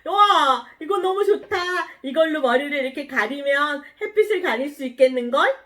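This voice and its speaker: A woman voicing the prophet Jonah as an excitable, easily angered man, exclaiming loudly in a children's Bible story. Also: lightly acted. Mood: delighted, astonished. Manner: high, loud childlike exclaiming, quick to anger.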